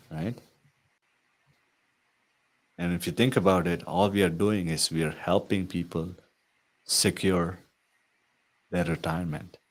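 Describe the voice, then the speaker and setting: Deep-voiced man pitching IT consulting. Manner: earnest, persuasive, repeats "right?". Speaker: IT consulting coach. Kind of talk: promotional talk to viewers.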